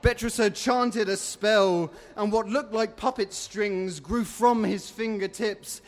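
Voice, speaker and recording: A man narrating a fairy-tale story in a measured, rhyming way. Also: high voice, steady tone.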